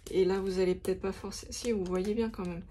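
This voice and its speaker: With a warm, steady, medium-pitched voice, a woman vlogger talks fast while presenting her craft supplies, though she sounds hesitant and uses many fillers. Slight background noise runs under the recording.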